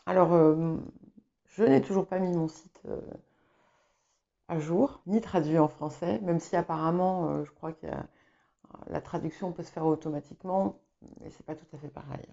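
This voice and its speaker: A woman giving a spoken tarot reading, hesitant and filling pauses as she talks. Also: lowish voice, gravelly, dark tone, highs cut off. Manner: hesitant, many fillers and restarts. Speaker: tarot reader. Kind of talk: casual spoken tarot guidance.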